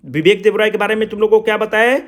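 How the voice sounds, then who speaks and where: A man's voice: high voice, quick pace. A man teaching an exam coaching class, speaking emphatically and repeating key phrases for students to note down. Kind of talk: classroom lecture, Hindi mixed with English.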